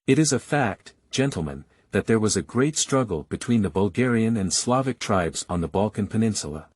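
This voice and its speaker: A man's voice: fairly low pitch, expressive, normal speed, a little mellow, breathy edge, no echo, studio quality. A man reading a historical parliamentary speech aloud in a declamatory, oratorical manner.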